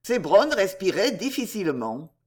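An audiobook reader narrating a novel with an expressive delivery. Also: medium pitch, normal speed. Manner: expressive, lively reading. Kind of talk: novel reading.

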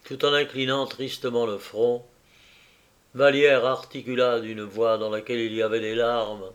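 A man narrating a novel in a measured, even audiobook reading. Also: medium pitch, muffled recording.

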